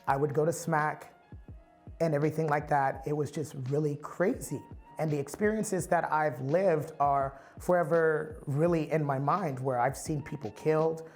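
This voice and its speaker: A man's voice: on the high side, fairly even intonation, normal speed, soft background music. A man from the Bay Area giving a candid, reflective personal testimony as a storyteller. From San Francisco Bay Area.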